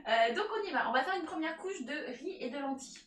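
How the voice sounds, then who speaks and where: A woman's voice: sits high, expressive, fast, fairly bright tone, far from the mic, slight background noise. A woman chatting casually during a live cooking stream, laughing often, thanking viewers and talking to her cat. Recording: echoey room, voice a bit off-mic.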